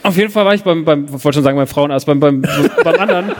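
A man's voice: on the high side, fast talker, big-room sound. A man casually telling a funny personal story as a podcast co-host, rambling with many restarts and acting out the dialogue.

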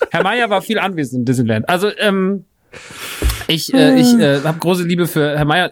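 A young man on a podcast telling a story in casual chat, acting out the other people's lines as he goes. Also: sits high. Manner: animated, acts out voices in anecdotes. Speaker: podcast co-host.

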